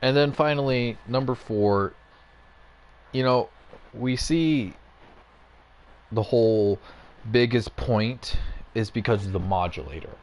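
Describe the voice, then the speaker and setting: A man's voice: medium pitch, slow, pauses often, a little mellow. A young man in a casual, rambling gaming rant at home, getting fired up, with lots of fillers and restarts, speaking into a headset mic. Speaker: gaming YouTuber. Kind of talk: casual ranting commentary.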